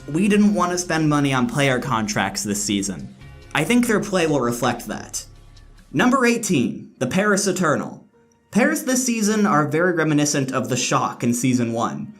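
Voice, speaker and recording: A man hosting a scripted, opinionated esports countdown commentary, recorded indoors in a slightly echoey room. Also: fairly high pitch. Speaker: esports commentator and video host. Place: indoor room, different from usual.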